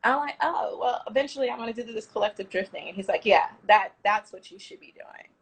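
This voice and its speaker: Talking fast in a creaky, slightly rough voice with a fairly high pitch, this thirtysomething from Miami recounts how she founded a travel platform. The interview is casual, and her retelling is lively, stuffed with fillers and acted-out quotes.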